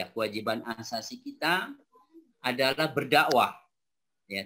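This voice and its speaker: Before a live audience of teachers, a man in his forties gives a religious lecture on parenting. He speaks directly to them in a bright, forceful, medium-pitched voice, dotting his points with rhetorical "ya" and "nah."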